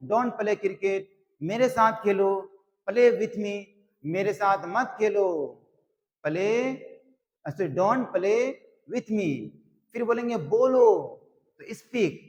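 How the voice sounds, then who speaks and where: A man teaching English grammar in a slow classroom style, repeating each phrase word by word. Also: high-pitched, in a large hall, rough recording. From Bihar, India.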